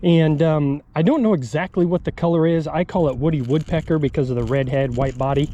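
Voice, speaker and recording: A man's voice: fairly high pitch, brisk, lo-fi sound, slight background noise. A man hosting a fishing vlog from a kayak on a tidal creek, talking casually with plenty of ums, a bit winded from pedaling. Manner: relaxed, chatty, frequent ums and uhs. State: a little out of breath from pedaling. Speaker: fishing channel host. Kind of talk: casual outdoor vlog talk.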